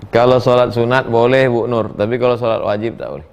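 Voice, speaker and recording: A middle-aged man preaching, reading listeners' questions and answering them in a folksy, joking way, his voice swinging between high and low as he acts out quotes. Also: flat delivery, brisk, vocal fry, smooth. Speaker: Islamic preacher. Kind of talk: sermon answering read-out questions.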